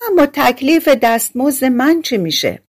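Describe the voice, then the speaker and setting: A woman's voice: high-pitched, sing-song, no room sound, clean studio sound, voice pushed up. A woman doing a bragging little tailor. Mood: eager servile. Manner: eager, servile, bragging. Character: boastful small male tailor, scared but bragging.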